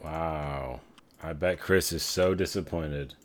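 A man's voice: rumbling low, slow pace, a little hiss or hum. A man co-hosting a podcast, chatting casually and teasing dryly during a fantasy draft. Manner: dry, teasing. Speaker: podcast co-host.

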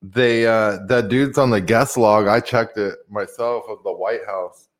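A man's voice: fairly low pitch, steady tone, unhurried. A man co-hosting a casual podcast, joking crudely along with the host. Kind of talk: casual profane chat.

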